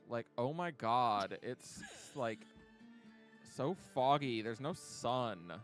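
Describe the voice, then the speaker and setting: Man doing a palm tree, valley-girl drawl, ditzy, gossipy, sighing, mid pitch. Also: lively intonation, slow, a bit bright, smooth, faint music behind. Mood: whiny. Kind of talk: voicing a character in a tabletop game.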